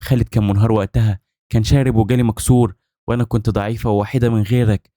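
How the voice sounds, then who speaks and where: A man's voice: on the low side, fairly even intonation, fast talker, mellow, no room sound, clean studio sound, lightly acted. A man with an Egyptian accent reading the lines of a remorseful, tearful wife in a told story. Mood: pleading. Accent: Egyptian Arabic. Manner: pleading, tearful.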